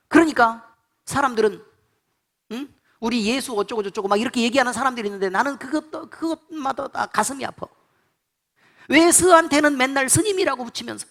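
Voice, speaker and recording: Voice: mid-range voice, fairly bright tone. A pastor preaching a sermon in blunt, colloquial speech, repeatedly quizzing the congregation with call-and-response questions.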